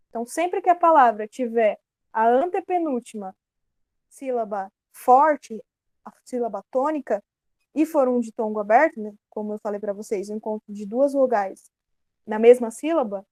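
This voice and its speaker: A Brazilian woman teaching a grammar lesson in a relaxed, explanatory way, often correcting herself mid-sentence. Her voice sits a little high but sounds mellow. The recording is dry and close. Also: no room sound. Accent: Brazilian Portuguese. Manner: explanatory, casual, self-correcting.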